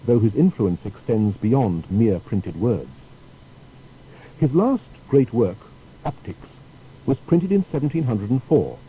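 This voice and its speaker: In a measured, explanatory style, a man narrates a scripted documentary. His voice is very dark and soft-edged, but his pitch swings lively. The audio is poor, with faint noise.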